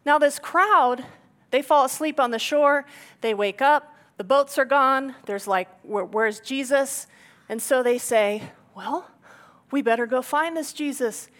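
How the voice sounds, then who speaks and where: Woman pastor preaching casual style, kinda high voice, jokey, acts out little quotes. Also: measured pace. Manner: playful, animated storytelling with acted quotes. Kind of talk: conversational sermon.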